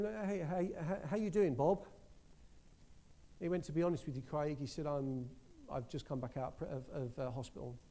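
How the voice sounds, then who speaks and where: A man's voice: a little high, warm tone. A man preaching, telling a story to his congregation in an earnest way with frequent restarts. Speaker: preacher sharing a testimony. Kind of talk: sermon testimony.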